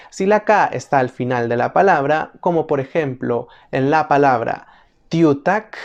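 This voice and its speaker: Language teacher, instructional narration, methodical, mid pitch, repeats example words. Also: a little mellow, muffled recording. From El Salvador. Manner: patient, methodical, repeats each example word slowly.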